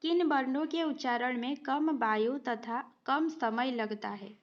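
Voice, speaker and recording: A woman with a high voice teaches Hindi grammar at an unhurried pace, and the recording sounds muffled. She works through multiple-choice exam questions, patiently explaining each answer step by step and often adding a quick "okay" check.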